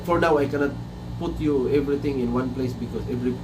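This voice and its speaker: A fast-talking man in his thirties from the Philippines, medium-pitched with a Filipino English accent, is a chef hosting a casual livestream. He is chatty, repeats himself, and slips into Filipino now and then. The mic is distant, in a small, noisy indoor room with an air conditioner humming in the background.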